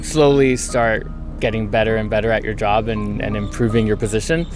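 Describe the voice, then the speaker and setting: A man in his early thirties from San Francisco gives a street interview outdoors, thinking aloud in a measured, reflective way. His pitch sits in an ordinary middle range. Faint music plays behind him. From San Francisco, USA. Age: 30s. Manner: thoughtful, measured, with frequent ums. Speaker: interviewee, traveller.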